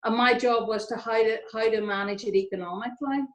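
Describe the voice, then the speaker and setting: A woman in her fifties from Northern Ireland, with a Northern Irish accent, talks to students over a video call as an engineer on a panel. Her voice sits on the high side with a steady tone and a slightly quick pace, and she keeps things informal, chatty and self-deprecating. The audio is poor and reverberant.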